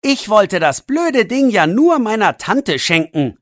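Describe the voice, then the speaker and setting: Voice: mid-range voice, sing-song, takes it slowly, no room sound, studio quality, voice pushed up. A narrator voicing a defensive young teenage boy who argues back in a learner's audiobook. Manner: defensive, pleading. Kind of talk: audiobook role voice.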